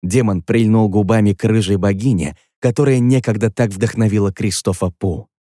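A man with a lowish voice narrates a fantasy story in a steady, even read. The sound is close and dry, with no room around it. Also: moderate pace, no echo. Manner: even storytelling read, voicing every character himself. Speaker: audiobook narrator.

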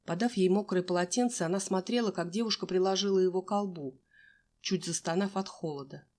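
A woman's voice: lowish voice, fairly quick, mellow. A woman reading a young-adult novel aloud as narrator, giving each character a voice of her own. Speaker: audiobook narrator. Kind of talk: audiobook reading with acted dialogue.

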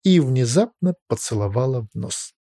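A man reading fiction as an audiobook narrator, in a dramatic, expressive storytelling manner. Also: mid-range voice, moderate pace, no room sound, studio quality.

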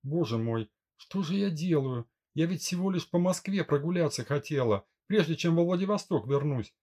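A man's voice: on the high side, expressive, moderate pace, darkish tone, voice pushed up. A man reading a young woman in an audiobook, stubborn and pleading in turns. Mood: indignant. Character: young woman, headstrong bride-to-be. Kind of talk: audiobook character voice.

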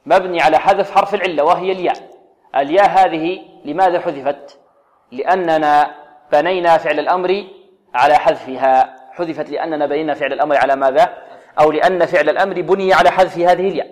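A man teaching Quran recitation rules, drilling letters slowly and asking rhetorical questions. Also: fairly high pitch, steady tone, long reverb tail. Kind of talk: tajweed lesson with call-and-repeat drills.

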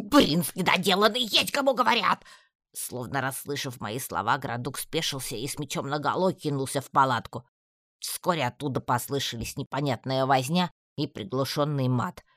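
A woman with an unusually low voice narrates a first-person fantasy story. Her reading is lively and expressive. The sound is close and dry, with no room around it. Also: no echo. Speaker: audiobook narrator.

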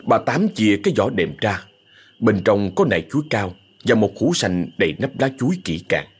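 Expressive male horror storyteller. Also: on the low side, normal speed, husky. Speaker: narrator. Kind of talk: scripted horror narration.

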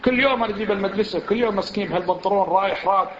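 A man's voice: high voice, rapid-fire, pitched above the performer's own voice, lightly acted. A man voicing an unschooled father who complains about his failing son, speaking. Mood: aggrieved. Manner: aggrieved, pleading. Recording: echoey room, dull lo-fi sound.

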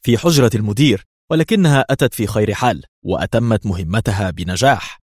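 Man reading a cocky young agent, mutters, husky low voice. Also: very animated, fast, no echo, studio quality. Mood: cheerful. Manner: cheerful, muttering. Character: boastful young male agent, secretly lovestruck.

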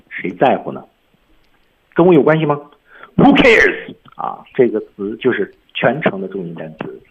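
Man, english teacher, radio lesson, husky voice, lively pitch swings, tinny phone-line sound. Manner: patient, explains word by word.

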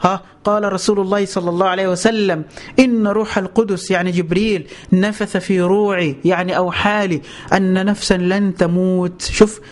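Egyptian male preacher, high and rapid, urgent and pleading with his audience. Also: fairly even intonation. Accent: Egyptian Arabic. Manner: pleading, urgent, addresses listeners directly. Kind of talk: colloquial religious lesson.

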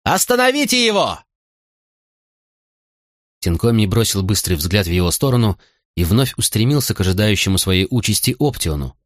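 A man reading an audiobook aloud in steady, measured narration. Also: low-pitched, no echo, studio quality. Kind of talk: scripted narration.

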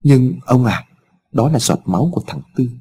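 A man's voice: mid-range voice, animated, moderate pace, dark tone, slightly rough. A man voicing a distraught old mother in a told story, speaking in a wailing, anxious way.

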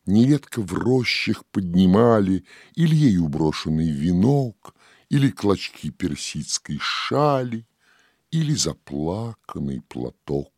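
A man reciting narrative verse as an audiobook narrator, in a dramatic way that drops to whispers and rises to loud outbursts. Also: fairly low pitch, dry recording, studio quality. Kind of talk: poetry recitation.

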